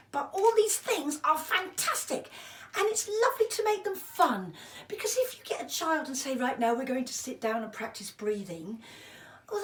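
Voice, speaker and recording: A woman giving an informal mindfulness lesson, chatting in an encouraging, self-deprecating way as she explains and demonstrates. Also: sits high. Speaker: mindfulness and breathing teacher. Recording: roomy echo, distant microphone.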